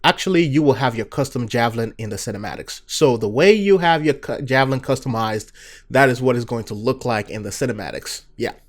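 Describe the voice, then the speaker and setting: A young Nigerian gaming channel host with a Nigerian accent runs a casual viewer Q&A, speaking a little fast. His voice is middling in pitch, and his talk is loose and relaxed, sprinkled with fillers and "you know."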